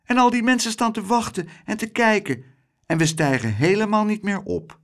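A man's voice: high-pitched, lively intonation, moderate pace, voice pushed up. A man voicing a shy, fretful little girl. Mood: worried. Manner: timid, fretful. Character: shy, worried young girl.

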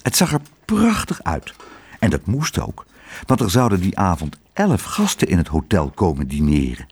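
A man reading a children's storybook aloud in an expressive, unhurried way. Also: low voice, husky.

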